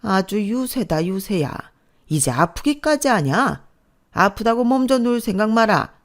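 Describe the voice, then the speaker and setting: A woman's voice: medium pitch, lively intonation, brisk, darkish tone, natural voice. Woman reading as a harsh bossy old grandmother, scolding, scornful, storybook drama. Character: harsh domineering elderly grandmother-in-law.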